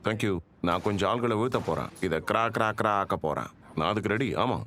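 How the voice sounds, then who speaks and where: A man's voice: lowish voice, brisk, pushed and bright, slight background noise. A man playing a joking, laid-back agent in a dubbed action comedy. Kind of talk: dubbed movie dialogue.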